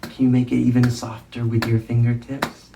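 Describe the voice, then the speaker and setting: A male educator leads an interactive storytime for young children, using simple guiding phrases, questions, and movement prompts in a read-along. His medium-pitched, gravelly voice is completely flat at a moderate pace, with a noisy background.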